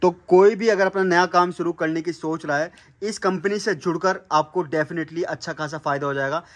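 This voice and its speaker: An upbeat man hosts a casual on-site vlog, his voice sitting a little high. He keeps affirming and echoing his guest with eager agreement. The talk is recorded indoors in a factory sample room. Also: fairly even intonation, normal speed. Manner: enthusiastic, echoes and affirms the other speaker. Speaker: vlogger host.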